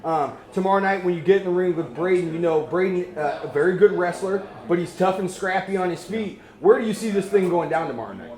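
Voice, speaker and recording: A man's voice: high-pitched, fairly quick, few pauses, darkish tone. A man hosting an upbeat pre-fight MMA interview in a slangy, teasing, chummy way. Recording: echoey room.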